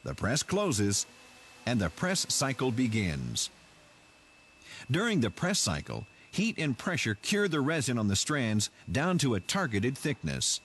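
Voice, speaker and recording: A man narrates a scripted plant tour in a measured, explanatory way. His mid-pitched voice moves up and down in a lively way. Faint machinery noise sits behind him.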